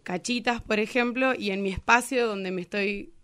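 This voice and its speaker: With a medium-pitched, slightly bright, clean voice at a moderate pace and no echo, this Argentine woman from Chubut speaks in her native accent. She's a cumbia singer appearing as an interview guest, joking around in a relaxed, informal chat.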